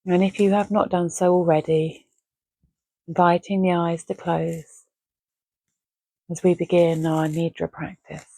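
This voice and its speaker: Guiding a Yoga Nidra relaxation, this meditation teacher speaks in a low, soft, slightly creaky voice, flat in delivery yet gentle and calm. She leaves pauses between brief phrases at a measured pace. The audio is close, dry, echo-free and of low quality.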